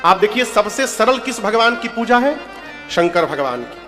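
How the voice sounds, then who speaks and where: A male religious storyteller with a high, bright, forceful voice delivers a devotional sermon. He tells the story with animation and keeps putting questions to his listeners. Soft accordion music plays faintly behind him. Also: sing-song, moderate pace. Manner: breaks into sung verse.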